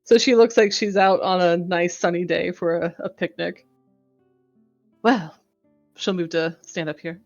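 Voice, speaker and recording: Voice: mid-range voice, fairly even intonation, measured pace, long pauses, muffled recording, faint music behind. A playful player describing what her character does in a tabletop game, chatting casually.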